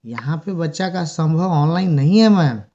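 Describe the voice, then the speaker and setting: A man's voice: a little high, animated, normal speed, dark tone, a little hiss or hum. A man from Bihar, a parent on a phone call, hesitant and repeating his words as he objects. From Bihar, India. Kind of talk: phone conversation.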